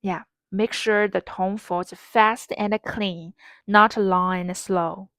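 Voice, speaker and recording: A woman teaching a pronunciation lesson, explaining patiently and modeling each sound clearly. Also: mid-range voice, steady tone, a bit bright, no echo, clean studio sound. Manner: slow, patient, clearly enunciated instruction with modeled drills. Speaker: Mandarin teacher.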